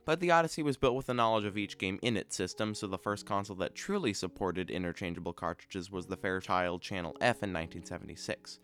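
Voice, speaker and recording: A man's voice: low-pitched, fast, few pauses, fairly bright tone. A man hosting a podcast, reading scripted explainer narration about video game trivia in a dry, matter-of-fact way. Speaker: podcast host.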